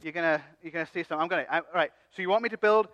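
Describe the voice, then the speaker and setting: A man's voice: a little high, very fast, fairly bright tone, lightly acted. A man playing Aaron as a cocky, joking leader who coaxes the crowd in a comic church skit. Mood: playful scheming. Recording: dull sound with long hall reverb.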